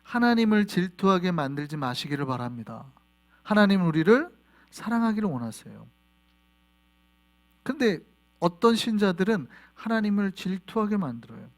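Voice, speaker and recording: A male pastor preaching a sermon in a church, animated and quizzing the congregation with questions. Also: sits high, moderate pace. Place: church sanctuary.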